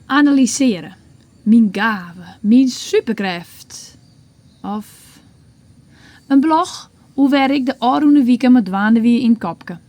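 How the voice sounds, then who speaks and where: Frisian lady reading out her own blog, bit high voice, mellow and warm, thoughtful and steady. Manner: reflective, measured reading. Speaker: blogger.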